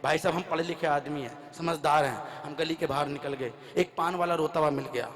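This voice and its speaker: High-voiced male stage comic. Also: a little fast, a crowd in the background. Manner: lively storyteller acting out dialogue with rhythmic repetition. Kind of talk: stand-up comic storytelling at a poetry gathering. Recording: reverberant live PA sound.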